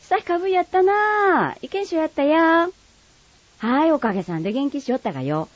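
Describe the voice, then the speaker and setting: A woman's voice: sits high, brisk, no room sound, voice pushed up. A woman voicing a chatty Kagoshima local woman, talking with a neighbor in broad dialect. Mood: gossipy. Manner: broad dialect, lively and exclamatory. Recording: slightly muffled dry recording.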